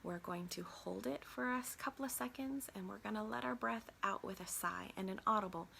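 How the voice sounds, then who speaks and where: A woman coach leads a short grounding exercise in an encouraging voice that keeps dipping into a hushed half-whisper. Her tone has a gravelly fry, and a faint hiss sits under the recording. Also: mid-range voice, brisk, few pauses. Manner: warm encouraging, often drops to a soft half-whisper. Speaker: life coach.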